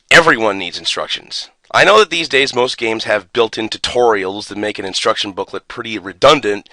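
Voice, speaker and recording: In a dry, rough recording, a man with a sharp, medium-pitched voice plays the exasperated gaming YouTuber. He alternates between an opinionated, sarcastic rant and reading from a booklet, leaning heavily on emphasis.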